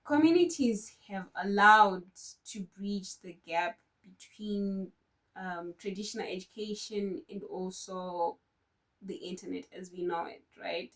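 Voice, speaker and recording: A woman giving a prepared conference talk about her work in tech, in an earnest, measured way. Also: mid-range voice, a bit bright, distant mic, low-quality recording. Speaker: conference speaker.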